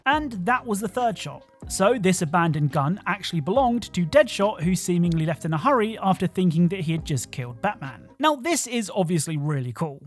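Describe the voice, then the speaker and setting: A host narrating a scripted video game countdown with wry, joking asides. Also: medium pitch.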